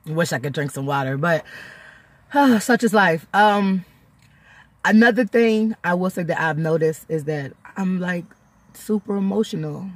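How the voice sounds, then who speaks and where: This vlogger talks informally to her video diary, chatty and emotional, laughing now and then though she is near crying. She speaks a little slowly in a fairly low, animated voice, recorded dry.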